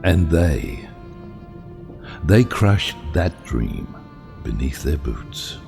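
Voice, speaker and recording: Captain Nemo, deep, brooding and slow. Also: male voice, very animated, gravelly, darkish tone, soft background music, heavily acted. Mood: bitter, haunted. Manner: grandiose, solemn, deliberate. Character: brooding, embittered, commanding male submarine captain. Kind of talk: cinematic audio drama acting.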